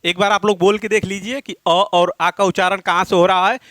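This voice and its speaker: A male teacher works through a grammar lesson by posing questions to himself, answering them, and going back over the key points. When he gives answers his voice drops low and slows, and he counts aloud. His fairly bright voice shows little pitch movement, and the recording is dry.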